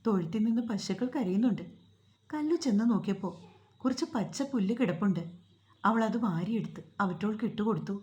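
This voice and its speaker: Mellow-voiced woman telling a story. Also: medium pitch, expressive, fairly quick, dull audio. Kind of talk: storytelling narration. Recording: roomy echo.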